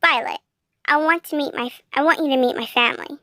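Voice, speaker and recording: A woman's voice: high-pitched, quick pace, bright, forceful tone, no room sound, clean studio sound. A woman voicing a taunting young male killer from a fan story, mocking and sneering. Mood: blunt.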